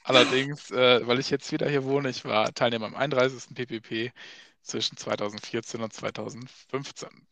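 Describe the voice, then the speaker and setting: Podcast host, young man, gravelly edge, dry close sound, easygoing questions. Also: medium pitch, a little fast, no echo. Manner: relaxed, filler-heavy questions. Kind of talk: casual podcast chat.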